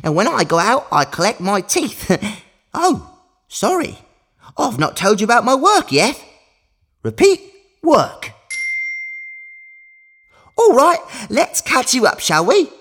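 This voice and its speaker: Overbright, wildly animated magical mouse. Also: female voice, a little high, takes it slowly, long pauses, slightly rough, exaggerated voice. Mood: excited, playful. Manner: overbright kids' party host, exclaiming and giggling. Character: Perez, a magical tooth-collecting mouse, gleeful and boastful. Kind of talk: children's storytelling for a listening exercise.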